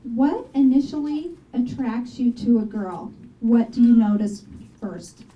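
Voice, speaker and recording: A woman moderating a panel, asking questions in a teasing, quick way. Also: on the high side, animated, dark tone, echoey room, recorded from a distance, dull audio.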